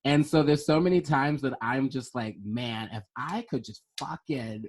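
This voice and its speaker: A man's voice: medium pitch, unhurried. Chatty man with lots of fillers. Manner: rambling, filler-heavy, laughs easily. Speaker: podcast host. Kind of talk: casual chat.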